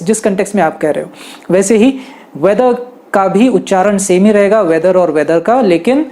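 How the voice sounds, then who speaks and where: A man teaching pronunciation, who corrects words by saying them again slowly and deliberately. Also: high-pitched, dark tone. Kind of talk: explaining pronunciation.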